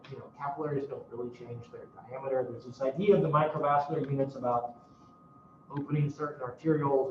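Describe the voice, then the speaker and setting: A man's voice: medium pitch, background noise. A man lecturing a university class in a casual, self-mocking way, swearing now and then. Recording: roomy, distant, dull classroom recording.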